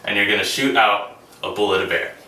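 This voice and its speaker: A man's voice: on the low side, fairly even intonation, a little fast, bright, forceful tone. A young man giving a casual instructional talk, with frequent ums and restarts. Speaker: speaker giving a class talk on beatboxing. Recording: echoey room, mic at a distance, faint hiss.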